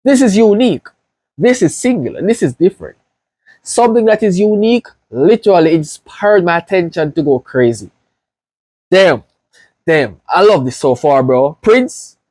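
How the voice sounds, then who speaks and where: A man from Jamaica with a Jamaican accent, hosting a casual reaction video and gushing with excited praise as he talks to his viewers. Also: sits high, moderate pace, no echo.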